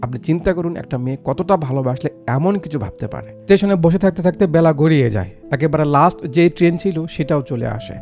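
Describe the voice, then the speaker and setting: A man's voice: a little high, lively intonation, a little fast, hardly any pauses, a little mellow. A man retelling a film's story as a narrator, asking his listeners rhetorical questions. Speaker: movie recap narrator. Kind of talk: dramatic film retelling with acted dialogue. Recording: voice-over with music behind.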